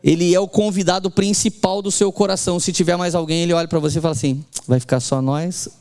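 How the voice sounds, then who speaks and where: A middle-aged man from Brazil, a pastor preaching a sermon with lively delivery, acting out quoted voices and calling on the congregation to repeat after him. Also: sits high, fast.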